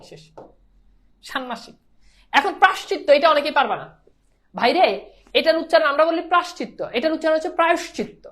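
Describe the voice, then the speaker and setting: Woman, high voice, teacher, repetitive quizzing, pronunciation lesson. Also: fairly bright tone. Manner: drills by repeating words, quizzing students.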